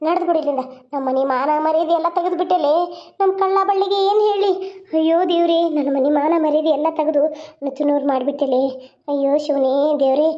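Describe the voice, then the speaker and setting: A woman plays a cartoon mother who scolds and disowns her daughter, then wails to her husband. The voice is very high and shrill. The audio is dull and lo-fi. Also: darkish tone, close to an everyday voice. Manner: scolding, wailing.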